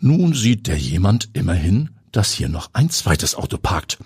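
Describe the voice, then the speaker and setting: A man with a low, very breathy and husky voice narrates a story with suspense, now and then sinking to a whisper. His melody moves a lot. The sound is close and dry, with no room echo. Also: sing-song, measured pace, darkish tone. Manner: suspenseful, sometimes dropping to a whisper. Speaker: audiobook narrator. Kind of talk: scripted narration.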